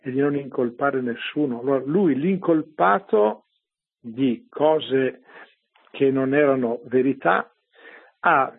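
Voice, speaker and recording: A man's voice: on the high side, vocal fry, breathy edge. A man preaching on scripture in a conversational radio talk, often checking with his listeners by asking "no?" or "vero?". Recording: narrow phone-like radio sound.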